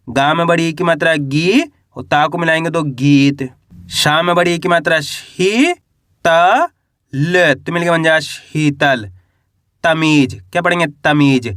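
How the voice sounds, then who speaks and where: A man teaching reading and writing, slowly sounding out syllables and asking his listeners questions. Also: fairly high pitch, fairly bright tone, no room sound, studio quality. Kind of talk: Hindi reading and writing lesson.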